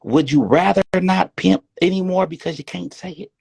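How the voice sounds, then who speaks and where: A man's voice: high voice, normal speed, gravelly, darkish tone, husky, dry recording, clean studio sound. A man giving a rambling, preachy casual monologue, now and then dropping to a whisper.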